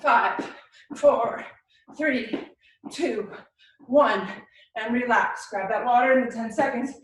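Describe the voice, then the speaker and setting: A woman's voice: on the high side, slow pace, slight background noise. A woman fitness instructor coaching a live workout in short, encouraging cues and countdowns. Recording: very echoey room, distant mic.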